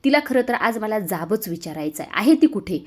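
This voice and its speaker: A woman's voice: medium pitch, expressive, fairly quick, a little mellow, close to an everyday voice. A woman reading the lines of an angry young man who accuses and demands answers, in a retold serial scene.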